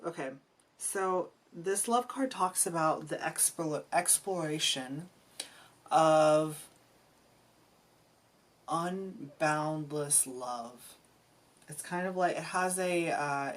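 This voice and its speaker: A woman giving an intuitive tarot reading, musing aloud in a halting way, often restarting her sentences and sometimes getting emotional. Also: deep voice. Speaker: tarot reader.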